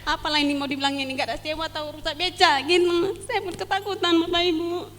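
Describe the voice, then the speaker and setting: A woman's voice: very high voice, little pitch movement, fast talker, a bit bright, long reverb tail, soft background music. A woman giving a fervent, pleading church testimony, sometimes near tears. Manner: fervent, pleading, at times tearful.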